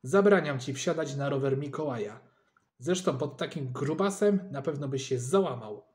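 A man voicing a proud, quarrelsome middle-aged father in a storybook reading, gruff and indignant. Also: mid-range voice, lively intonation, moderate pace, a little mellow, natural voice. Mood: scolding.

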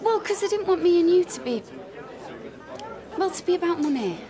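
A woman's voice: very high-pitched, big pitch swings, normal speed. A woman with a Northern English accent playing an apologetic young woman in a naturalistic TV soap. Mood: earnest, guilty. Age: young adult. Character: apologetic young woman pleading and making amends. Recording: busy cafe and pub chatter behind.

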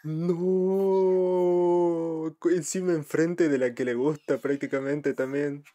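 In his twenties, a man reacts live to anime as an amused fan from a small home streaming room, tossing out short bursts into a desk mic close in front. His voice is a little high and dark, at normal speed.

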